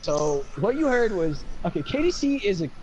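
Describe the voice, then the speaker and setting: A man's voice: sits high, very animated, moderate pace, darkish tone, slight background noise, rough recording. A man talking as a guest in casual chat, profane, rambling and heated.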